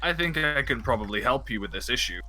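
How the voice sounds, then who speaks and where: A man voicing a boastful hulking male warrior in a tabletop game, theatrical and booming. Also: expressive, fast, bright, forceful tone, soft background music. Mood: confident.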